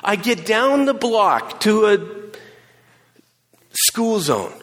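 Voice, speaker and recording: Male pastor, lively sermon delivery, slightly husky, long hall echo. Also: drawn-out words. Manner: animated, acts out inner voices with pitch jumps.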